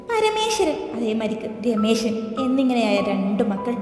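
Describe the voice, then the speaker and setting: A woman voicing a gentle, tender middle-aged mother who speaks to her grown children in a soothing way. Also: a little high. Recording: echoey reverb with soft music.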